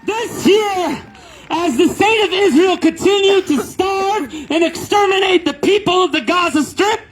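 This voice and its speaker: A man speaking at an outdoor protest rally as a community organizer, shouting his speech to the crowd. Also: very high-pitched, unhurried. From Palestine. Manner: shouted chant leading. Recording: noisy outdoor crowd recording. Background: crowd and outdoor noise.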